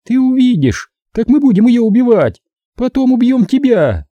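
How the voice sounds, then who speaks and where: A man voicing a sadistic young woman kidnapper who gloats and taunts in a shrill, high voice in an audiobook. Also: big pitch swings, moderate pace, no echo, dull audio. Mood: gloating. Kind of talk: audiobook character voice.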